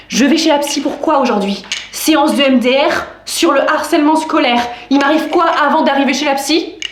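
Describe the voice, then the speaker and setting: A woman in her twenties telling a story in a casual video diary, animated and exasperated, talking straight to her viewers. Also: sits high, roomy sound, slight background noise. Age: 20s. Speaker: vlogger.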